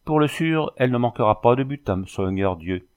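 A man's voice: medium pitch, animated, normal speed, smooth, voice pushed up, natural voice. A man voicing a boastful young male suitor in a storybook, flowery and self-satisfied.

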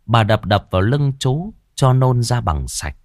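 A man narrating a rural ghost story with an expressive, dramatic delivery. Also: mid-range voice, unhurried, no echo, studio quality. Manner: expressive, rises and falls dramatically.

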